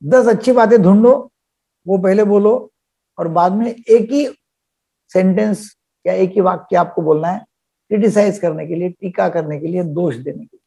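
Older man, high-voiced webinar psychiatrist. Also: normal speed, gravelly, warm tone, slightly rough. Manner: explains by acting out little dialogues. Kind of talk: live webinar talk. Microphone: video call.

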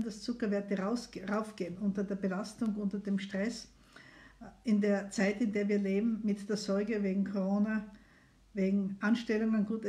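A woman's voice: medium pitch, dark tone. A middle-aged woman doctor, hosting a live phone consultation stream in a chatty, encouraging way. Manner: chatty and encouraging, inviting viewers to call. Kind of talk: casual live stream talk.

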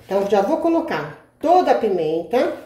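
Off-camera and caught by the camera mic in an echoey home kitchen, a Brazilian woman runs a cooking channel tutorial, chatting casually with viewers. Her mid-range, mellow voice swings widely in pitch at a moderate pace. She calls her audience "gente" and checks in with "tá?" every few words.

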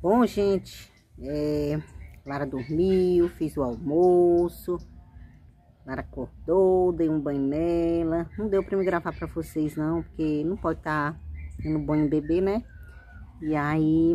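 Woman, mother vlogger, casual chatty home vlog, lowish voice. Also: measured pace, mellow, highs cut off, a little hiss or hum. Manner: chatty, often addressing viewers as "gente". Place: family home.

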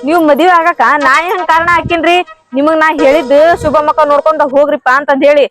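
A woman voicing a quick-tongued, nagging village wife in a cartoon comedy, scolding with a North Karnataka Kannada accent and rapid rhetorical questions. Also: sits high, fairly even intonation, a bit bright, soft background music.

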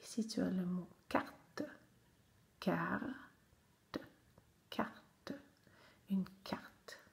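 A woman's voice: fairly low pitch, slow pace, darkish tone, in a whisper. A woman teacher, patiently guiding young children through a reading lesson and repeating each word several times.

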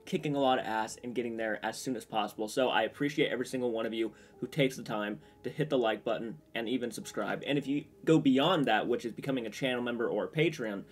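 A man's voice: mid-range voice, fast talker, hardly any pauses. A young man hosting a trailer reaction video, talking casually in a rambling, chatty way from a small room full of horror collectibles. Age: young adult. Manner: rambling, chatty, lots of restarts and fillers. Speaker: trailer reaction channel host.

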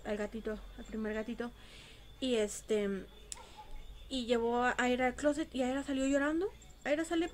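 A woman's voice: fairly high pitch, slight background noise. A young Mexican woman with a Mexican accent, vlogging in a chatty, casual way and repeating phrases for emphasis. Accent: Mexican Spanish. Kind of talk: casual vlog chat.

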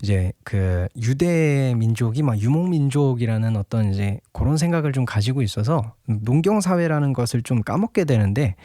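A man's voice: mid-range voice, animated, moderate pace, hardly any pauses, warm tone, dry recording, clean studio sound. A young man giving a casual devotional Bible talk, chatty and laughing often, at times acting out a scolding father.

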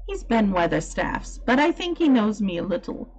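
Woman reading as a shy, eager young girl, earnest, lively pitch, storybook. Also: moderate pace, slightly rough, low-quality recording.

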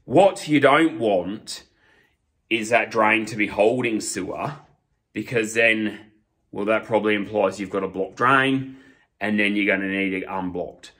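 Speaking to a camera set close in front of him, a master plumber with a fairly low, fairly bright voice explains things step by step, slowly and deliberately, while holding up pipe fittings. He's indoors in a small storeroom lined with shelves.

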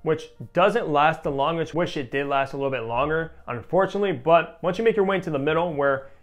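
A young man in his twenties casually reviewing a fragrance, animated and enthusiastic, with a lot of "like" fillers, on a clip-on mic. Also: fairly high pitch, fairly quick, soft background music. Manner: animated and enthusiastic, many "like" fillers, gestures with a test strip. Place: room with shelves of perfume bottles. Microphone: small clip-on mic on shirt.

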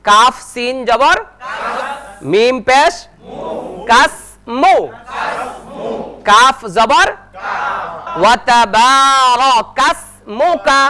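A male Quran teacher leading a televised lesson, spelling out Arabic syllables and chanting them slowly for students to repeat. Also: extremely high pitch, lively intonation, a crowd in the background. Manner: slow drawn-out chanting of syllables, brisk instructions in between.

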